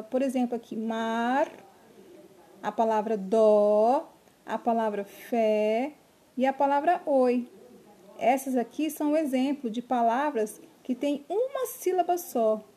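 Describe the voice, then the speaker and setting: A primary school teacher gives a remote lesson to young children, sounding out syllables one by one and checking often that they're following. Her voice sits high and mellow.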